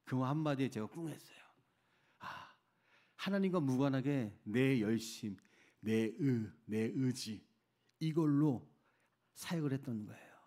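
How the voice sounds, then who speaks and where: A middle-aged man, a missionary preacher, telling a personal testimony in a sermon, swinging from loud outbursts to hushed near-whispers. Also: mid-range voice, lively intonation, unhurried, pauses often. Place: church sanctuary.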